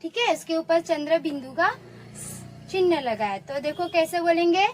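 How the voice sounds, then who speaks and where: A primary school teacher with a very high, expressive voice gives an online lesson to young children at a moderate pace, with a little hiss or hum in the audio. She coaxes the kids to repeat sounds after her and praises every answer.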